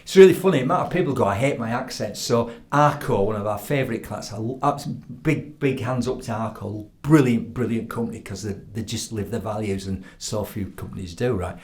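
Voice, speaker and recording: Man, Yorkshire accent, podcast guest, lively storyteller, tags "right?" onto points, studio mic. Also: on the low side, fairly quick, hardly any pauses. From Yorkshire, England. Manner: animated storytelling with acted quotes, frequent "right?". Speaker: professional public speaker, guest. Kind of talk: casual interview chat. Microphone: studio podcast microphone.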